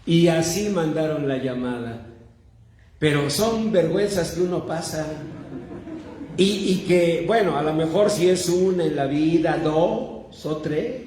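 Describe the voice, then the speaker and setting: A man with a Mexican accent preaching a sermon, telling a story slowly with acted-out dialogue. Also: fairly high pitch, darkish tone, a little hiss or hum. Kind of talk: sermon with humorous anecdote. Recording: long echoing hall reverb.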